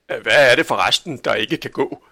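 A man voicing a calm, good-natured police chief in a storybook reading, speaking in an unhurried, gently reasoning way. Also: mid-range voice, creaky, slightly rough, dry recording, studio quality, heavily acted. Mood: placid.

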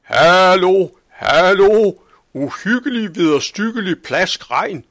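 A man's voice: high-pitched, lively intonation, no echo, studio quality, voice pushed up. A man doing an old bearded weather crier. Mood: announcing. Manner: loud announcing calls from a balcony.

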